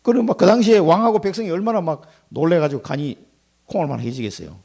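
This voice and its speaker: A man preaching a Sunday sermon as pastor, animated, putting on quoted voices and asking his congregation questions. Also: fairly high pitch, quick pace, vocal fry, husky.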